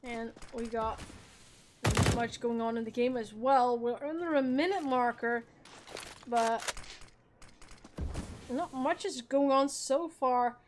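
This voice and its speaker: Between calls in her relaxed play-by-play of an esports match, this late-twenties caster from the Netherlands teases viewers and answers their chat questions in her Dutch accent. She speaks slowly with long pauses, in a fairly high voice over slight background noise.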